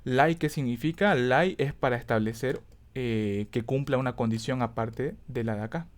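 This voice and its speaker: Casting: male instructor, mid pitch, patient step-by-step lesson, frequent check-ins, thinks aloud and self-corrects. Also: moderate pace. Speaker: teacher. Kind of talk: screen-recorded coding lesson.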